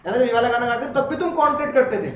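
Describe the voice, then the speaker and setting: Brief: quick, very high-voiced male teacher, joking with students, recorded from across an echoey classroom. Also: fairly bright tone, a little hiss or hum. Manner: chatty, asks the class questions and jokes. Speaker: law teacher. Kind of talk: classroom lecture. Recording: roomy, distant, dull classroom recording.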